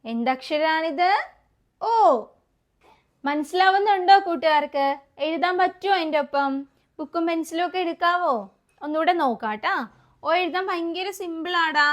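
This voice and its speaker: Woman with a high voice and a light lilt, teaching small children their letters. Coaxing and patient, she asks questions and repeats each sound. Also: normal speed, long pauses. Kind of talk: kids' alphabet lesson.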